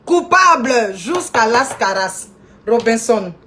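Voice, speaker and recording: A woman's voice: fairly high pitch, lively intonation, slow, fairly bright tone, a little hiss or hum. A woman ranting indignantly on a live video stream, scolding people and greeting viewers by name.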